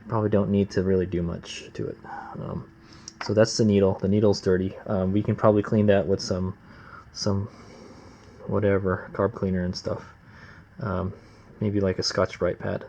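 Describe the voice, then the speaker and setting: A man talking casually and plainly like a gruff home mechanic while working at his bench, with slangy, unpolished asides. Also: sits low, little pitch movement, normal speed, dark tone, slight background noise. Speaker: amateur motorcycle mechanic, vlog host. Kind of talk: casual hands-on workshop narration. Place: workbench, close to the camera. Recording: slightly dull, lo-fi camera audio.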